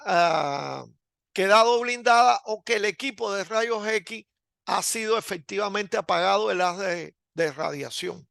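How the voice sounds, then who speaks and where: Man, recorded lecture, slow hesitant delivery, bright tone, dry close sound. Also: high voice, creaky, no echo. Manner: slow and deliberate with frequent hesitations.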